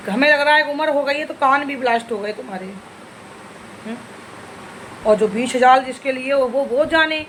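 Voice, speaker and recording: High-pitched scolding woman vlogger. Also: a bit bright, slight background noise. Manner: taunting, scolding, repeatedly addressing an older woman. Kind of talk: scolding reply video.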